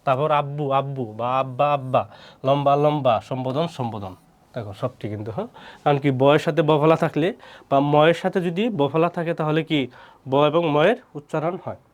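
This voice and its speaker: A man's voice: on the high side, brisk. Man quizzing students aloud. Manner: quizzing, answers his own questions, repeats words. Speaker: teacher. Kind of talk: exam-prep lesson.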